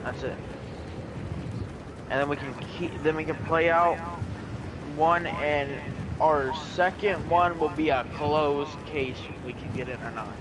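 A young man talks a teammate through a match, his voice sitting a little high. His callouts come quick and sometimes jump into excited bursts. Loud game noise runs behind his headset mic. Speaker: gamer streaming a match. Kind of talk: casual gaming chat with a teammate. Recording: noisy game audio behind.

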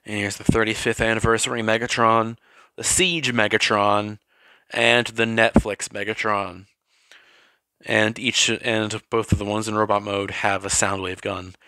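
A man's voice: lowish voice, level tone, unhurried, pushed and bright, no echo. A man casually walking through his toy collection, rambling, correcting himself and getting worked up in short rants.

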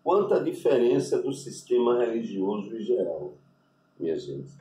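A man with a Brazilian Portuguese accent, a rabbi giving an unscripted religious lesson, deliberate and spelling out Hebrew letters with constant tag questions. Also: medium pitch, sing-song, dark tone, distant mic. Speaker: rabbi teaching Hebrew names. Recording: echoey room, voice off-mic.

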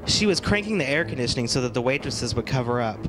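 A man's voice: medium pitch, lively intonation, quick pace, lightly acted, poor audio. A man playing a vain, catty drag queen, theatrical and self-dramatizing in a mock interview. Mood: dramatic, gossipy. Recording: music playing behind.

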